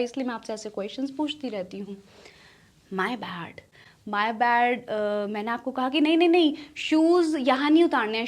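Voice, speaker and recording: A young woman teaching spoken English as the regular host of an online lesson, saying example sentences slowly and clearly between her explanations. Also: a little high.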